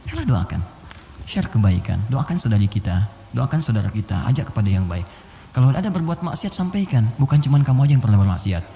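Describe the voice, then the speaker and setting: A man's voice: medium pitch, big pitch swings, fast talker, vocal fry, mellow, slight background noise. A man preaching a sermon in a conversational way, full of rhetorical questions, recorded in a hall. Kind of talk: Islamic sermon to a congregation. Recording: echoey hall with long reverb.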